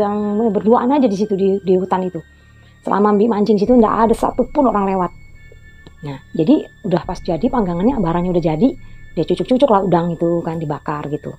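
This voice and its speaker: A storytelling vlogger in her fifties tells a story in a chatty, rambling way, often repeating who said what. Her medium-pitched voice is a little mellow with a breathy edge. The lo-fi audio is slightly dull, with faint music in the background.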